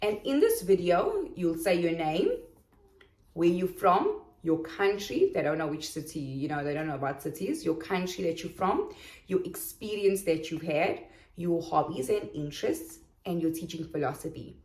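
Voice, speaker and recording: A woman's voice: lowish voice, animated, moderate pace, darkish tone, echoey room, low-quality recording. A woman coaching viewers on teaching English online in a casual talk, repeating and correcting herself and calling them guys. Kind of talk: casual instructional video.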